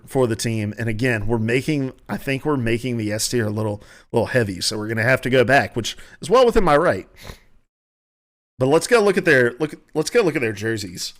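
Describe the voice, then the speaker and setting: Country-accent guy riffing solo on his podcast at home, opinionated, keeps restarting sentences, mid-pitched voice. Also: a bit bright. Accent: Southern US country. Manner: rambling, self-correcting, opinionated. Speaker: podcast host. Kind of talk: casual solo commentary.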